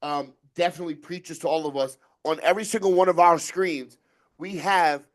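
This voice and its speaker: A man's voice: fairly high pitch, steady tone, brisk. A man co-hosting a casual group podcast, swearing freely and restarting his sentences as he hypes his listeners. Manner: profane, stumbling restarts, hypes the crowd. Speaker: podcast co-host.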